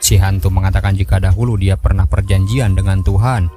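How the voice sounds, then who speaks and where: A man's voice: low voice, fairly even intonation, brisk. A man giving a scripted storytelling narration of a film recap. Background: background music.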